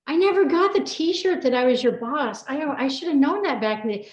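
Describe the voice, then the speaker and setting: A middle-aged woman with a high, expressive voice hosts an unscripted personal chat as a co-author, speaking at a moderate pace. She's informal and rambling, and the recording sounds roomy, dull and lo-fi.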